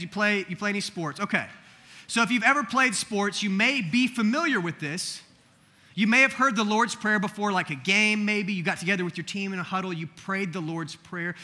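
A young man preaches to a youth group in a loose, conversational way, weaving a personal story into the message. His voice sits high and rings very bright. He keeps checking in with the audience as he goes. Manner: conversational, animated storytelling to a room, asks the audience questions. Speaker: youth pastor.

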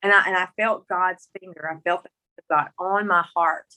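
With a Southern country accent, a middle-aged guest from rural Mississippi shares her personal story folksily, candidly and emphatically. Her voice sits on the low side, bright and forceful, with fairly even intonation at a moderate pace.

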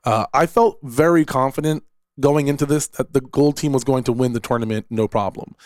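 A man's voice: medium pitch, fairly quick, a little mellow, no room sound, studio quality. A man, hosting a casual solo podcast and talking in a rambling way with repeated words and fillers. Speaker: podcast host and esports director.

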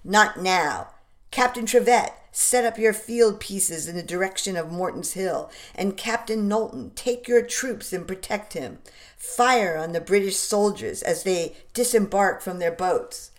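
A woman reading the part of a male colonel giving crisp battle orders with command presence. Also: mid-range voice, measured pace, close to an everyday voice.

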